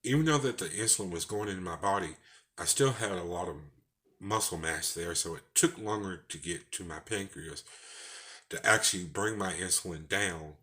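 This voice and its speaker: Man, Texas twang, very low voice, bright forceful tone, rambling casual vlog talk. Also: normal speed. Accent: Texan. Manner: rambling, folksy, with false starts. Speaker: vlogger.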